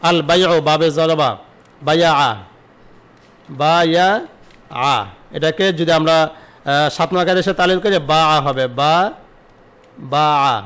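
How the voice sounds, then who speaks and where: A man teaching an online Arabic grammar lesson, asking his own questions and answering them, repeating word forms slowly. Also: on the high side, clear, resonant tone.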